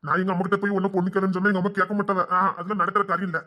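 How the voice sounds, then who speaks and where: A man's voice: sits high, flat delivery, very fast, bright, forceful tone. An actor playing a restless young man in love, fretting aloud and pleading to elope in an audio drama. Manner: fretful rambling inner monologue, then pleading.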